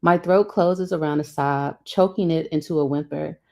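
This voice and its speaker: Low-voiced woman reading a novel aloud. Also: normal speed, a little mellow. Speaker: reader.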